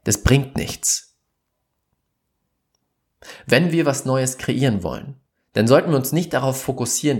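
Guy ranting earnestly into his cam, slows way down to make a point then gets worked up. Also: medium pitch. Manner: earnest and emphatic, pausing for weight, bursts of exasperation. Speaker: vlogger. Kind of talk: impassioned monologue to camera.

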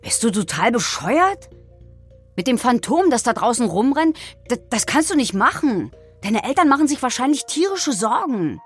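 A woman's voice: on the low side, moderate pace, darkish tone, slightly rough, soft background music. A woman voicing a worried, serious young man who scolds a careless girl. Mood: earnest.

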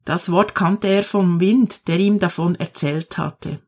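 Woman reading a story aloud, slow and calm, measured. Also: on the low side, husky. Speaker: narrator.

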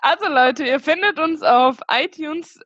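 A woman co-hosting a podcast over a video call, bubbly and laughing, quick with comebacks. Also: high voice, a bit bright, no room sound, lo-fi sound. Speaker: podcast co-host.

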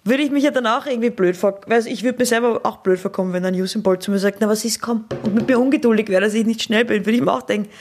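A young woman with an Austrian accent, co-hosting a podcast in casual chat, talking fast and laughing often. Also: fairly high pitch, a little mellow, faint music behind. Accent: Austrian German. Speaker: podcast co-host.

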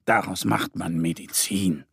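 A man's voice: steady tone, creaky, a bit bright, slightly rough, no echo, clean studio sound, full character voice. A man voicing a kindly old grandfather bear in a children's audio story. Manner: kindly, lower and slower.

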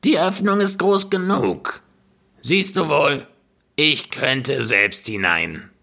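A greedy old witch from a fairy tale, shrill and harsh, as a male narrator puts her on. She snaps in a voice pitched well above the reader's own, swinging widely. The delivery is slow and deliberate. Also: lively intonation, gravelly, pushed and bright, full character voice. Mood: mocking. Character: cruel old female witch, greedy, impatient.

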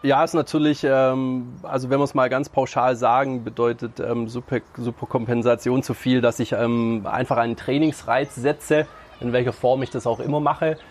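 Male guest, monotone delivery, halting explainer, mid pitch. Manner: halting, frequent fillers. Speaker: podcast guest. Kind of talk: casual explanatory chat.

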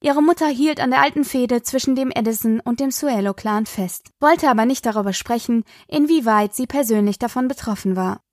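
A woman reading a novel aloud in steady, expressive narration. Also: a little high, fairly quick, hardly any pauses, dry recording, studio quality. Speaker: audiobook narrator. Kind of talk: scripted narration.

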